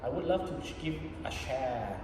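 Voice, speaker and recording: Male interviewee, Thai accent, lawyer explaining in halting, repetitive phrases; distant, very echoey recording. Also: mid-range voice, animated. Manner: halting, repeats and rephrases phrases. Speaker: property lawyer being interviewed. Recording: echoey reverberant room, distant mic, background noise.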